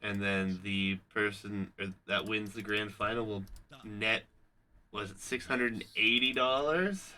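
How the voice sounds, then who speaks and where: A man's voice: fairly low pitch, fairly even intonation, unhurried, sharp tone. A man casting a live strategy game tournament, upbeat and hype-building. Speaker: caster.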